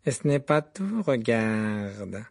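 A man's voice: on the low side, sing-song, slow pace, creaky, no room sound, studio quality, voice pushed down, heavily acted. Malfoy, a man reading as a sneering teen wizard. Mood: taunting. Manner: mocking, taunting. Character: sneering arrogant teenage boy wizard.

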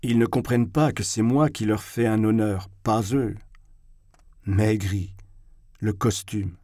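A man's voice: on the low side, steady tone, takes it slowly, dark tone, no echo. Man narrating a novel, dry close sound. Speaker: audiobook narrator. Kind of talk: first-person literary narration.

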